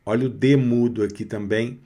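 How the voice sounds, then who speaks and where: A man's voice: medium pitch, fairly even intonation, dark tone. A man teaching French pronunciation, patiently repeating each word and asking the listener to repeat it. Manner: patient, repeats words slowly and asks for repetition. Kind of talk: pronunciation lesson.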